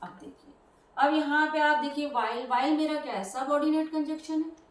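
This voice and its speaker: A woman's voice: high-pitched, fairly even intonation, moderate pace. A woman teaching a grammar lesson, explaining patiently and step by step. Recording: roomy echo, voice from a distance.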